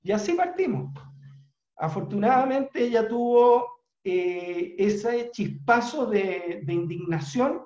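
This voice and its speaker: A man's voice: high-pitched, expressive, a little mellow. Chilean man telling a story over a webcam. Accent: Chilean Spanish. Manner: earnest, unhurried storytelling with frequent fillers. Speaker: business trainer. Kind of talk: motivational storytelling talk. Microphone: webcam on video call. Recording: roomy, dull webcam audio.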